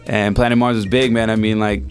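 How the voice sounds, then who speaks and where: Speaking fast in a lowish, flat voice, this man, a rapper from El Salvador, recounts his story as a guest on a relaxed radio interview. His style is slangy and laid-back, and quiet music plays underneath.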